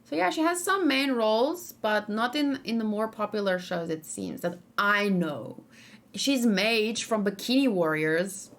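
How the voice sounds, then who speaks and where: A woman's voice: medium pitch, animated, a little slow, fairly bright tone. A young woman streaming and reacting live, chatting casually, reading viewer comments aloud and rambling with frequent fillers. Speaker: streamer reacting to game character.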